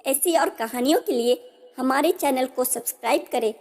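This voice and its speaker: A woman narrating a family story in an even, measured storytelling manner. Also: high-pitched. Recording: long hall reverb.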